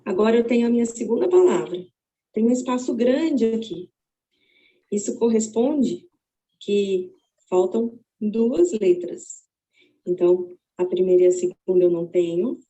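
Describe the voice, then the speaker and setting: A Brazilian woman teaching, walking slowly and methodically through a braille word activity and thinking aloud as she searches. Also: mid-range voice, expressive, warm tone, highs cut off. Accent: Brazilian Portuguese. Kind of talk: step-by-step spoken demonstration.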